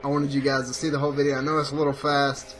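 A man in his thirties, a little under the weather, chats in a laid-back, repetitive way as a gaming YouTuber at his bedroom setup. His mid-range voice is monotone, rapid-fire and slightly bright, picked up by a desktop USB mic with soft music in the background.

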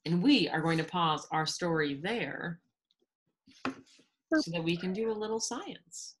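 A woman's voice: fairly low pitch, expressive, slow pace, background noise. A woman host on a video call, reading a children's story expressively, then chatting about a simple kids' science activity.

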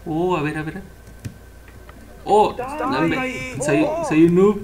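Excitable young man playing a game. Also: high-pitched, slow pace, slight background noise. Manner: excitable, chatty, cheers on the characters. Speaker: gameplay commentator. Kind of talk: casual let's-play commentary.

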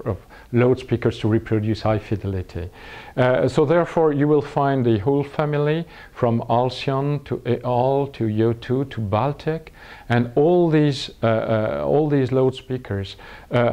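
A Frenchman in his fifties, a company executive, presents products in an interview inside a small showroom room with curtains. His voice is mellow and medium-pitched, and he explains haltingly, searching for words.

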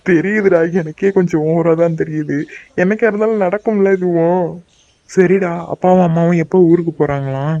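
Brief: man playing a bantering cartoon lad, mellow voice, dull dry recording. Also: sits high, brisk, dry recording. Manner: banter, joking. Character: teasing young man chatting with friend. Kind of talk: cartoon dubbing.

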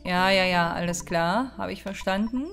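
A woman's voice: mid-range voice, normal speed, a bit bright, soft background music. A woman hosting a let's play, chatting casually and reacting to the game with mock exasperation. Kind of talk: casual gameplay commentary.

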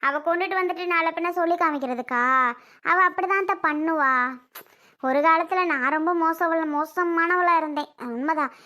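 A hurt, stubborn young wife in a family drama skit, played by a woman with a very high-pitched voice. She pours out her grievances in long, emotional runs. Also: normal speed, bright, forceful tone. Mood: bitter. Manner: emotional, resentful, pleading.

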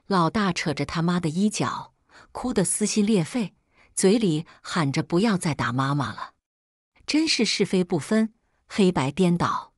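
Lively woman narrating a family drama. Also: on the low side, measured pace, no echo, studio quality. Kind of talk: scripted first-person story narration.

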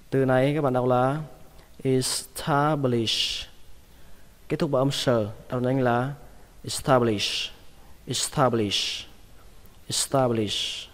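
A man teaching English vocabulary, repeating each word slowly and patiently. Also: mid-range voice, fairly even intonation, a little mellow, in a large hall. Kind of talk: vocabulary lesson.

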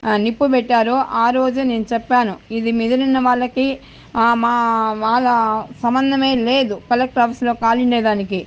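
A high-voiced woman speaks in a recorded phone voice message. The sound is dull and lo-fi. She presses the same point again and again, insistent and direct. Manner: insistent, repeats her point over and over. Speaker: political supporter leaving a message.

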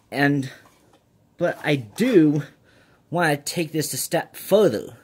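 This late-twenties American man has a fairly high, husky voice. He earnestly presents his personal project in a vlog, partly reading scripted narration and partly chatting casually to camera.

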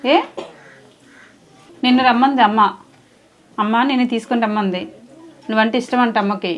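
A woman hosting an interview, coaxing a child with soft, repeated questions. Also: fairly high pitch. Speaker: host. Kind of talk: casual interview.

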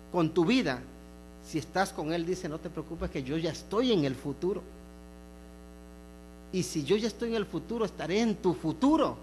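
A man preaching a sermon in a church, emphatic, slowing on key phrases and dropping to soft asides. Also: on the high side, slight background noise. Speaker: pastor. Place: church sanctuary.

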